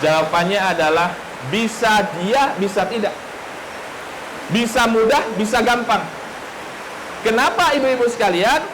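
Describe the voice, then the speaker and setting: A man's voice: high voice, unhurried, pauses often, noisy background. A man preaching a sermon who speaks straight to his listeners, asks them questions and repeats his key phrases. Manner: addresses the audience directly, asks rhetorical questions, repeats phrases. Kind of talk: sermon with storytelling.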